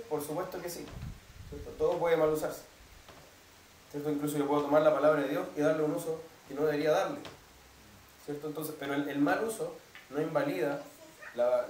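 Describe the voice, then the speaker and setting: Echoey pastor teaching from the pulpit. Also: male voice, a little high, a little mellow, slight background noise. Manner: explanatory, keeps asking "¿cierto?" to the congregation. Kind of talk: teaching sermon. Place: church hall. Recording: echoey hall, mic at a distance.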